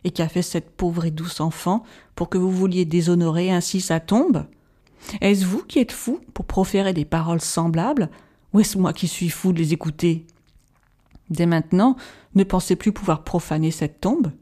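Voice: medium pitch, moderate pace, warm tone, lightly acted. A reader voicing an indignant young lord. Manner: indignant, heated. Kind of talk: audiobook narration.

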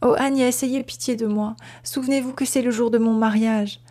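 A woman's voice: fairly even intonation, normal speed, dark tone, natural voice. A woman reading a novel aloud, voicing a terrified young bride who pleads in a raised, fragile voice. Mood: pleading. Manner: pleading, higher and breathless.

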